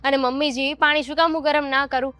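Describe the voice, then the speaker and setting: A woman's voice: sits high, flat delivery, fast talker, dry recording. A woman playing a sarcastic young daughter-in-law. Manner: sarcastic, quietly answering back. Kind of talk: family drama acting.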